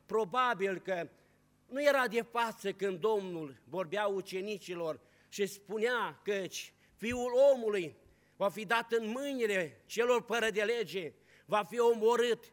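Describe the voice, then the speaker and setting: A man preaching a fervent sermon, swinging between loud declarations and hushed storytelling. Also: very high-pitched. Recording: long hall reverb.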